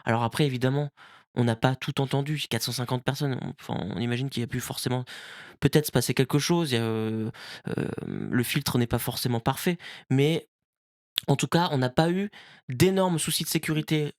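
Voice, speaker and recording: A man's voice: mid-range voice, fairly quick, no echo, clean studio sound. A man talking casually on a podcast, hesitant, with many fillers and restarts. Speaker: event organizer on a podcast.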